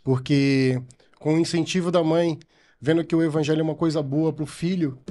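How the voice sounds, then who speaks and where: A man's voice: on the high side, steady tone, moderate pace, warm tone. A man who coordinates a Sunday school, earnestly telling his faith story in a podcast interview. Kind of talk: casual testimony in a podcast interview.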